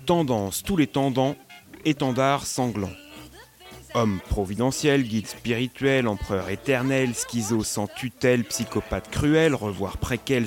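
A man reciting rhythmic spoken-word poetry in clipped, short bursts of wordplay. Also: mid-range voice.

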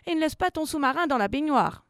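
A woman voicing a mother calling her little boy out of the bath, in a high, firm voice. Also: lively intonation, fast talker, dry recording, studio quality.

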